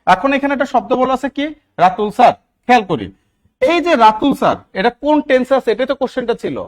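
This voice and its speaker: A man's voice: very high-pitched, lively intonation, fast talker. A man teaching English grammar in a live online class, often asking his students questions and repeating key words. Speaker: English teacher for job exams.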